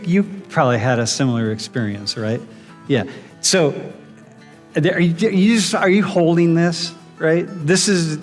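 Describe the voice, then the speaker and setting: A man lecturing as a professor, quizzing students directly and often restarting his sentences. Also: a little high. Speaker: university professor. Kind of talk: classroom lecture. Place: large lecture hall. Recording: reverberant lecture hall with background music.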